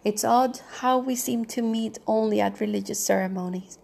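Firm, worldly older aunt, husky and gravelly, voiced by a woman reader. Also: a little high, darkish tone. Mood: brisk. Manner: firm and brisk.

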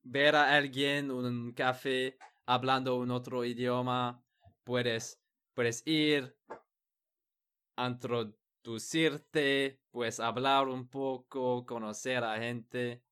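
A man's voice: medium pitch, level tone, drawn-out words, fairly bright tone, clear, resonant tone. A man in a casual chat, speaking hesitantly, restarting words and searching for the right ones. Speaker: conversation partner. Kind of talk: casual chat in a learned language.

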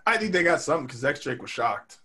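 A man co-hosting a casual podcast, ranting and swearing in excited bursts. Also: fairly high pitch, quick pace. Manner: animated, swearing, rants in bursts. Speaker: podcast co-host. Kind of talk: casual chat.

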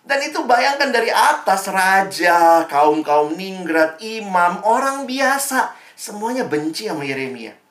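A man's voice: sits high, expressive, a little slow, a bit bright. A young man giving a casual devotional talk to a campus fellowship, chatty and informal, with slangy asides and tag questions. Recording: echoey room.

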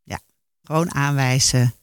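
A man's voice: medium pitch, fairly even intonation, unhurried, smooth, dry recording. A man hosting a radio show, chatting enthusiastically with a guest and introducing songs. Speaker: radio host. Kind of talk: casual radio chat.

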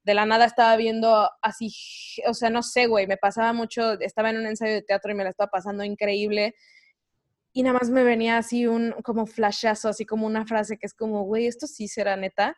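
A young Mexican woman with a fairly high voice tells a story in casual conversation. She talks candidly and with lots of energy, full of slang. Her speech is loose and friendly. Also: little pitch movement, fast. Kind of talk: casual chat.

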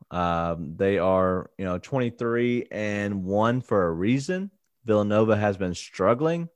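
A man's voice: on the low side, no echo. A man co-hosting a casual sports betting podcast, playful and confident, with jokey asides. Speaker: podcast co-host and betting analyst.

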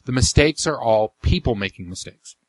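A man's voice: mid-range voice, expressive, normal speed, no room sound. A man hosting a podcast, reading out passages of a talk and commenting on them bluntly and sardonically, with frequent ums and restarts. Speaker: podcast host.

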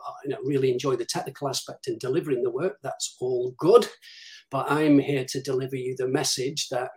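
A man's voice: mid-range voice, darkish tone. A man speaking as a guest on a live-streamed interview, giving emphatic advice and acting out what clients say to him. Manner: emphatic, advisory, acts out quoted clients. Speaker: guest, business development director.

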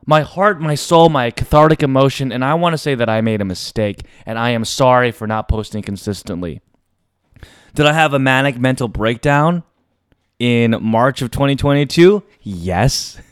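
A man hosting a solo confessional podcast, speaking to listeners in a theatrical showman's manner with emphatic, dramatic pauses. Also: a little high, clean tone, no echo, clean studio sound. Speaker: podcast host.

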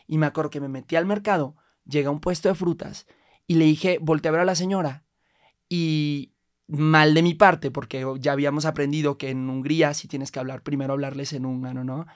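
A man with a Mexican Spanish accent, a podcast guest who tells his travel stories in a casual, animated way and acts out the voices in them. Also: a little high. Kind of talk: casual storytelling chat.

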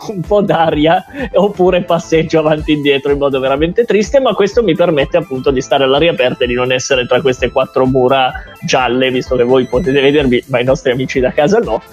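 A man's voice: mid-range voice, a little fast, hardly any pauses, dull audio, soft background music. A man in a casual, humorous podcast chat, telling stories in a self-deprecating, joking way. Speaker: podcast co-host.

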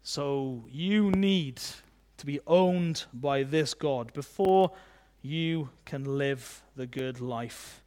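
A man's voice: mid-range voice, drawn-out words, a little mellow. A man preaching a sermon in a chatty, conversational way, often adding tag questions.

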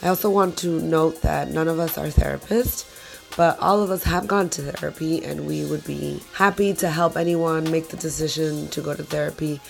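A woman in her thirties with a voice hoarse from a cold, speaking as host in a podcast introduction. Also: low-pitched, steady tone, normal speed, soft background music. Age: 30s.

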